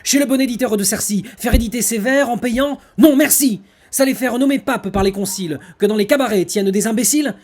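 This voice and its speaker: A proud, scornful poet-swordsman in a hammy stage-actor manner. He declaims theatrical verse at a high, straining pitch and booming volume, exclaiming with defiance. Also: fairly quick, a little mellow. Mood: scornful, mounting outrage.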